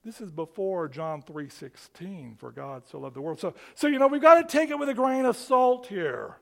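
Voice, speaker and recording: A man preaching a sermon, with quick rhetorical questions and humorous asides, dropping to a hush on key words. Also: high-pitched, lively intonation, gravelly. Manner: rises and falls for emphasis, drops to a hush on key words. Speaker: pastor.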